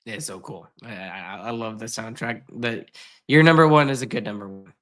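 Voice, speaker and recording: A man's voice: on the low side, moderate pace, a bit bright. A man co-hosting a casual podcast, a music teacher who talks emphatically and gushes as he urges listeners on. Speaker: podcast co-host; junior high music teacher.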